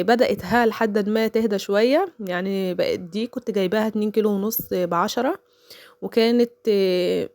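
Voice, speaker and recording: A mother in her thirties with an Egyptian Arabic accent chats casually over a home cooking voice-over, telling stories sprinkled with religious phrases. Her mid-range voice has a darkish tone in a dry recording.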